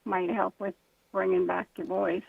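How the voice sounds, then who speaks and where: A woman caller, hoarse and still getting her voice back, chatting casually and rambling with lots of fillers. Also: mid-range voice, little pitch movement, moderate pace, no echo. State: hoarse, recovering voice. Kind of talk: casual call-in chat. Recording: tinny phone line.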